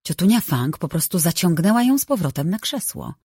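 An audiobook narrator reading a novel in a measured, even way on a close microphone. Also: medium pitch, slightly rough, no echo.

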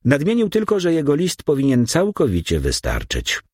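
A man's voice: fairly high pitch, wildly swooping pitch, moderate pace, a little mellow, husky, dry recording, studio quality, voice pushed up, exaggerated voice. A man voicing a young man who plays a modest, polite nephew in an audiobook. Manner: polite, deferential.

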